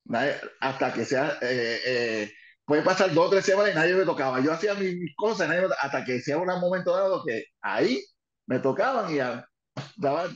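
Older man, animated storyteller. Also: a little high, a little fast. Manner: lively, mixes in English phrases, many restarts. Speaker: former wrestling manager telling stories. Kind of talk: animated anecdote telling. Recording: dull, roomy recording.

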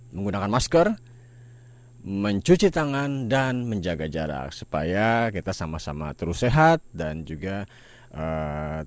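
A man's voice: on the low side, darkish tone. A man with an Indonesian accent hosting a radio news programme, presenting and ad-libbing between items. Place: radio studio.

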